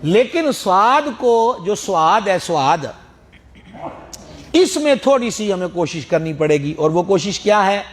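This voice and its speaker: Male religious teacher, high voice; slow chanted letter drills, teasing asides. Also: lively intonation. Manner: friendly teasing asides to students. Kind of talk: Quran recitation lesson.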